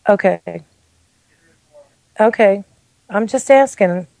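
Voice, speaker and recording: Middle-aged woman guest, chatty and unsure, mid-pitched voice, dry recording. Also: slow pace, vocal fry, darkish tone, dry recording. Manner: hesitant, chatty, self-deprecating. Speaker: guest making football picks. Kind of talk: casual chat.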